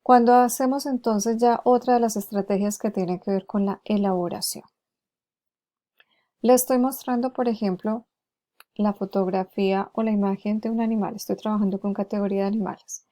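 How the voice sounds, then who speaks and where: A woman lecturing on therapy strategies, explaining each one and slowing down to model words clearly. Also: medium pitch, fairly even intonation, dark tone. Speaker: lecturer on hearing-impaired therapy. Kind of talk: recorded lecture with acted examples.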